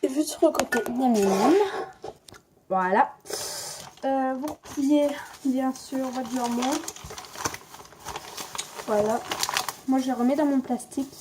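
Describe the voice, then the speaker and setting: A young woman talks her viewers through a simple home recipe, unhurried and playful, often joking with herself. Her voice sits a little high and her delivery is slow. The camera mic picks up faint noise from the kitchen. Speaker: cooking vlogger. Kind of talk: casual home cooking demo. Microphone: camera mic propped on a stand.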